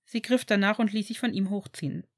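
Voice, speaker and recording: A woman narrating a fan fiction audiobook in a calm, even storytelling manner. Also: mid-range voice, fairly quick, dry recording, studio quality.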